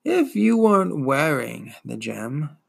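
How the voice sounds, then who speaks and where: A man voicing an ancient, weary female giant turtle who speaks in a slow, gloomy, wheezing drawl. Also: a little high, sing-song, vocal fry, fairly bright tone, voice pushed up, heavily acted.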